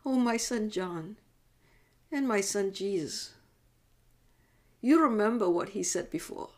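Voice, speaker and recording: A woman playing an anguished, devout middle-aged mother in a slow, emotive religious monologue, pleading as she grieves for her son. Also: medium pitch, animated. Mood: tender sorrow.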